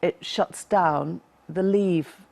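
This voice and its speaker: A woman presenting a news discussion, putting measured questions to her guests with some hesitant fillers. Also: fairly low pitch, gravelly, darkish tone. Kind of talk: broadcast interview questions.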